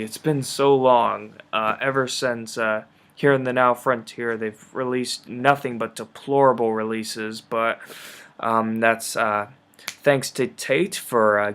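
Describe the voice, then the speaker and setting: A man giving a casual spoken album review, raspy from polluted air, halting with many ums and uhs. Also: mid-range voice, a bit bright.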